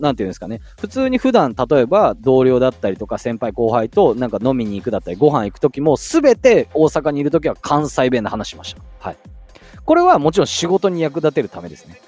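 A man's voice: on the high side, darkish tone, no room sound. A man hosting a casual solo audio talk, speaking chattily with many fillers and rhetorical questions to his listeners. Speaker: audio podcast host.

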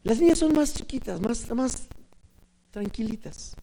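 Older Mexican man preaching with animated swings. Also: very high voice, vocal fry, rough recording. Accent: Mexican Spanish. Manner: animated preaching, swings from hushed asides to loud emphatic calls, drawn-out key words. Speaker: pastor. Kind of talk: sermon.

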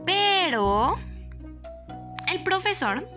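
A young woman with a Mexican Spanish accent telling a personal story in a casual, animated, dramatic way. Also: very slow, music in the background. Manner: animated, dramatic, jumps up in pitch for emphasis.

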